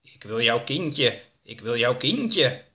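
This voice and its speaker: A man voicing a large, sinister dream creature with an eerie, slow, drawn-out voice in a storybook. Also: mid-range voice, very animated, pushed and bright, heavily acted. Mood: menacing. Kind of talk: storybook reading.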